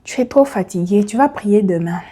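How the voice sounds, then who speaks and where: Soft coaxing tempter voice in your head, woman putting it on, mellow tone. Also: medium pitch, animated, moderate pace, a little hiss or hum, close to an everyday voice. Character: discouraging tempting inner voice, coaxing.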